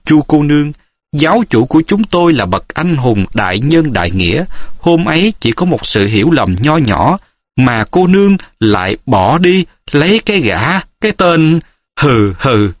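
A man voicing a gruff, hot-tempered follower. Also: fairly high pitch, animated, normal speed, no echo. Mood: indignant. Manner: gruff, indignant. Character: blunt, hot-tempered loyal male sect follower.

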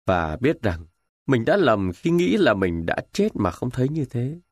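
A man's voice: mid-range voice, big pitch swings, unhurried, no room sound. A man reading a novel aloud in the first person with dramatic expression. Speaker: audiobook narrator.

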